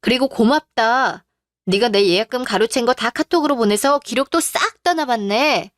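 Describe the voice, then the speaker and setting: Cold, firm young business owner, a woman voicing her, slightly high pitch. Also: normal speed, dry recording, clean studio sound, lightly acted. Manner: curt, scolding. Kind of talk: Korean radio drama.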